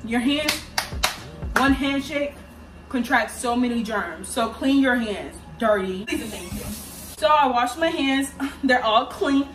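Hosting a home cooking vlog, a young American woman chats playfully with viewers in slang from a small indoor home kitchen. Her voice is on the high side with a measured pace. A phone or camera propped at a distance picks up her voice along with noisy kitchen ambience and background music.

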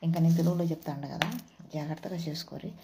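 A woman's voice: sits low, fairly even intonation, fast, vocal fry, noisy background. A woman from India, a house worker casually retelling a quarrel and acting out what each person said. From Telugu-speaking India. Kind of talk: casual storytelling vlog.

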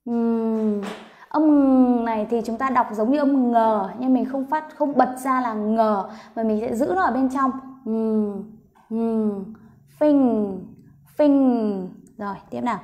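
A woman's voice: fairly high pitch, normal speed, hardly any pauses, lo-fi sound. A woman teaching English pronunciation, sounding words out letter by letter and repeating each one many times. She talks patiently and coaxes learners along, recorded on a phone. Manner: patient, coaxing, checking in with learners as she goes. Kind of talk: slow pronunciation lesson.

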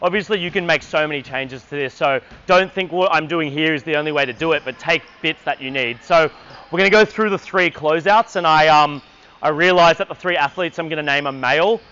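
A man's voice: on the high side, fairly quick, sharp tone, smooth, muffled recording. A man coaching a basketball clinic on an indoor court, energetically calling out drills and counting down for players.

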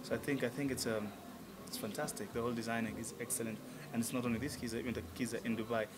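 Brief: enthusiastic male musician in his thirties, mid-pitched voice, clear restaurant chatter behind. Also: fairly even intonation, very fast, background noise. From Tanzania. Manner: upbeat, enthusiastic, many fillers. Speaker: musician guest. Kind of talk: casual interview. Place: restaurant lounge, indoors. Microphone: table mic on stand.

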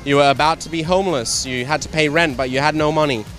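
A young man hosting a casual street interview with a handheld mic, upbeat and teasing, firing quick follow-up questions on a busy city street. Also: a little high, steady tone, a bit bright, soft background music.

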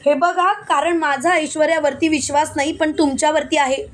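A woman's voice: high-pitched, steady tone, moderate pace, close to an everyday voice. A woman reading the lines of a determined young woman who pleads and accuses, in an urgent tone.

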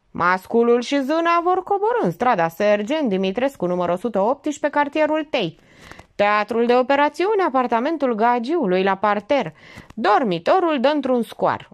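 A woman's voice: a little high, sing-song, voice pushed up. A woman doing a cocky young man. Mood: smug. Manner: flippant, cheeky.

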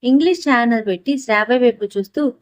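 A woman narrating a scripted story for an audiobook in a steady, even manner on a close mic. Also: on the high side, brisk, no room sound.

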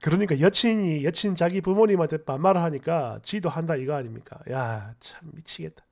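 A man hosting a story channel, reading online posts and comments aloud with animated, mocking commentary. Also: fairly high pitch, brisk, creaky.

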